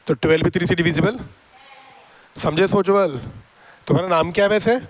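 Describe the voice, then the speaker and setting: A man teaches a classroom math lesson in a noticeably high voice. He jokes and teases his students, coaxing them again and again to answer. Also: a little fast. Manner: teasing, joking with students; coaxing and repetitive.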